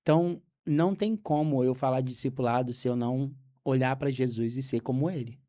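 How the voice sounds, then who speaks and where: A Brazilian man, a podcast guest, telling a faith story with lively acted-out dialogue. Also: mid-range voice, fairly quick. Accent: Brazilian Portuguese. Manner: animated storyteller acting out dialogue. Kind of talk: storytelling testimony.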